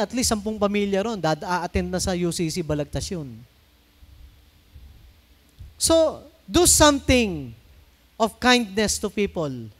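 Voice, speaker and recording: A middle-aged Filipino man preaching a sermon in a conversational way, mixing in English phrases and asking the congregation to answer him. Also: high voice. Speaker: pastor.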